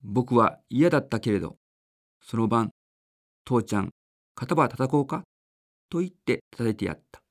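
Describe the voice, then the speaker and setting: Calm, polite man giving a spiritual talk. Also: mid-range voice, normal speed, pauses often. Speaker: religious speaker. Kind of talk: sermon with a read-aloud story.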